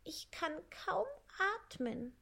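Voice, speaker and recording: A man voicing a sleepy, grumpy little dormouse in a storybook reading, in a breathy half-whisper. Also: very high-pitched, lively intonation, slow, a bit bright, full character voice. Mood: grumbling.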